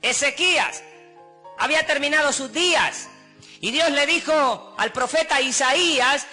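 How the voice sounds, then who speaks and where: A man's voice: extremely high pitch, unhurried, bright, forceful tone, soft background music. A man with a Honduran Spanish accent preaching a sermon with passion, acting out pleading voices through repetition. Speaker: pastor.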